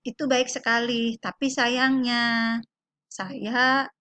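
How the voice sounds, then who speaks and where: A woman English teacher giving a classroom lesson, reading English example phrases slowly and then translating them. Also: fairly high pitch, level tone, pushed and bright, no room sound.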